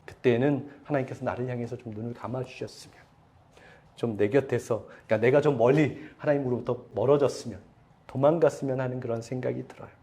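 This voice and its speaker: A man's voice: mid-range voice, steady tone, fast talker, mellow. A man preaching a sermon as pastor, speaking to his congregation with strong feeling and asking them questions. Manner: emotional preaching, voicing quoted pleas with swelling intensity; addresses congregation directly, asks questions.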